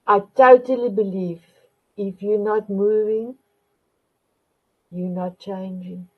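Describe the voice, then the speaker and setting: A woman's voice: mid-range voice, steady tone, slow, slightly rough. A woman hosting a motivational talk show, calling viewers her beautiful ones and sometimes searching for an English word. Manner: warm, repetitive terms of endearment, searching for English words. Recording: phone-line quality audio.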